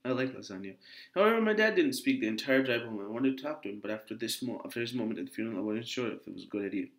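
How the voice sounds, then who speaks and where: Male gamer, mid-pitch, reads and comments animatedly; echoey room. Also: rapid-fire. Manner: animated reading, breaks off into chatty asides. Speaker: gamer reading an otome game aloud. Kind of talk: reading dialogue with commentary.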